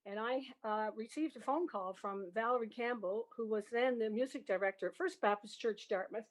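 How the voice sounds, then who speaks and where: An older woman from Prince Edward Island, Canada, with a Canadian accent, appears as a guest; she's a music educator and organist. Her voice is fairly high at normal speed, and she reminisces casually and animatedly with trailing asides.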